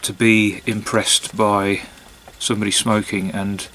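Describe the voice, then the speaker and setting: A man chatting casually on his own in a hesitant, musing way, with long pauses and trailing phrases. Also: lowish voice, little pitch movement, fairly bright tone, slight background noise, rough recording. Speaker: pipe-smoking vlogger. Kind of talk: casual monologue to camera.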